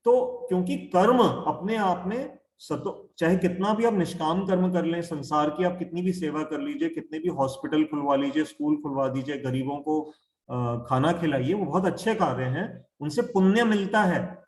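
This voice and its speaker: A man teaching an online scripture class, explaining slowly and repeating key terms, asking questions and answering them himself. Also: fairly high pitch, echoey room. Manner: asks and answers his own questions. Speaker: Gita teacher. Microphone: video call.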